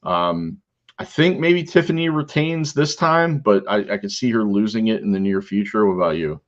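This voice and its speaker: A man co-hosting a podcast in casual chat, an animated storyteller who laughs and acts out quotes. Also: lowish voice, moderate pace, lo-fi sound. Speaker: podcast co-host.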